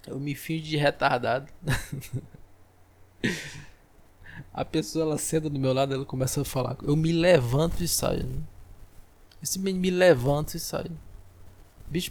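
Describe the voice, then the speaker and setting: A Brazilian-accented man ranting through a solo podcast monologue, full of curses and exasperation. His voice sits a little high for a man and carries a gravelly fry, close on the microphone. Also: fairly even intonation, normal speed, long pauses, darkish tone. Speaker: podcast host.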